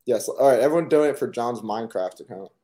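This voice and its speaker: A man guesting on a casual podcast, deadpan and wisecracking. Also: medium pitch, fast talker.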